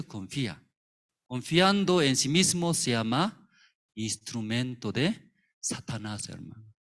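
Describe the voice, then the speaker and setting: A male pastor preaching a sermon in simple, broken phrasing, full of rhetorical questions and acted-out characters. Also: medium pitch.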